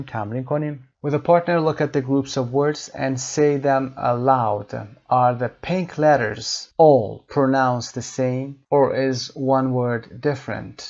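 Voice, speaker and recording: Male teacher, Persian accent, gravelly voice, slow careful English readings between explanations, dull lo-fi recording. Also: mid-range voice. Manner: reads English sentences slowly, then explains in Persian. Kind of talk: bilingual textbook lesson.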